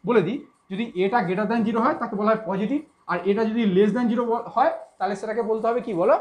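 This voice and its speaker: A woman's voice: fairly high pitch, fairly quick, highs cut off. A woman teaching a math lesson, who repeats her points and keeps asking if she was understood. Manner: repetitive, keeps checking understanding.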